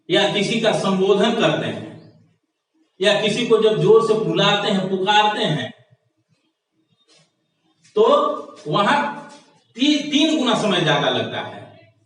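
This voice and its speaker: A teacher with a high voice in a very echoey room. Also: male voice, distant mic. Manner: explains step by step, asks questions and answers them himself. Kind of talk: classroom lesson.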